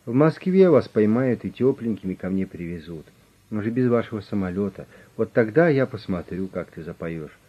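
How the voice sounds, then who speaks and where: A man voicing a loud menacing crime boss. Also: on the low side, animated, normal speed, breathy edge. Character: blustering threatening male crime boss. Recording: dull lo-fi recording.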